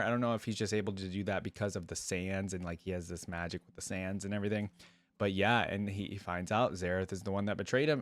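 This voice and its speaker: His voice sits on the low side as he performs a fantasy story with deliberate drama. Casual asides slip in, typical of a fan video creator reacting to the text.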